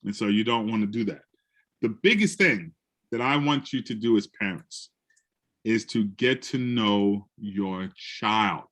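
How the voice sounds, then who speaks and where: A man's voice: fairly low pitch, a little slow. A man from the Bronx, an educator telling classroom stories in a conversation and acting out the people he quotes. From the Bronx, New York. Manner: animated, acts out quotes in other voices. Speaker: educator and guest speaker. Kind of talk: storytelling in a conversation.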